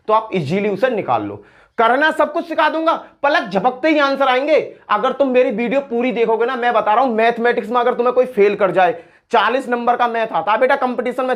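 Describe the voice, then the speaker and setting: A man's voice: very high voice, fairly bright tone. A man teaching an exam-prep math lesson, walking through sums step by step and coaxing students as "beta" with confident encouragement.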